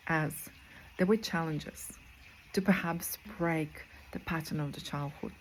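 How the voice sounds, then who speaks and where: Speaking with a Croatian accent, this woman in her forties works as a spiritual coach and medical intuitive and delivers an earnest, motivational talk that repeats phrases for emphasis. Her lowish voice comes through a rough recording with noticeable background noise.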